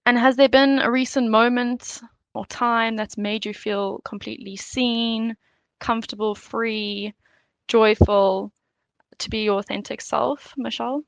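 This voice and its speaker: A woman's voice: fairly high pitch, little pitch movement, a little slow, gravelly, no room sound. A woman hosting a podcast, giving upbeat, encouraging introductions and questions. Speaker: podcast host.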